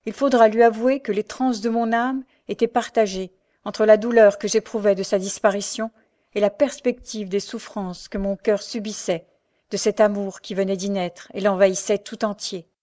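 A woman's voice: medium pitch, fairly even intonation, moderate pace, warm tone, close to an everyday voice. A woman reading the part of an anguished, devoted young woman in an audiobook, impassioned and pleading.

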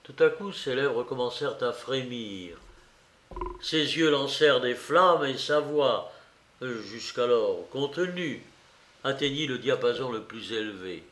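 A man narrating a classic novel aloud in a slow, measured storytelling manner. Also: medium pitch, animated, fairly bright tone, reverberant. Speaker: audiobook narrator. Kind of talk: literary novel reading.

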